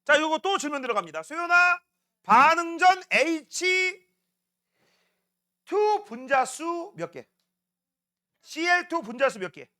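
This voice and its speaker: A man teaching a science class, quizzing students by name with quick questions in a casual, teasing way. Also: very high-pitched, sharp tone. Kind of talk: classroom lecture.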